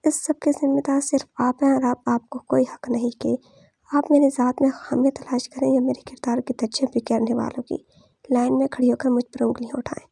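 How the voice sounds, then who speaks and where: A woman doing a fiery young woman from a storybook, defiant and scolding. She sounds high yet dark-toned and gravelly, with a husky edge. The recording is dry and close. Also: level tone, a little fast, no echo, full character voice. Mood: furious. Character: angry, sharp-tongued young woman.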